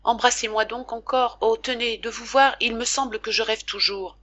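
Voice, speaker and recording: A woman's voice: on the high side, steady tone, normal speed, bright, forceful tone, lo-fi sound, pitched above the performer's own voice. A woman reading the part of a talkative, affectionate father who fusses over his sick son. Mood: tender. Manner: chatty, scolding fondly. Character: doting talkative middle-aged father.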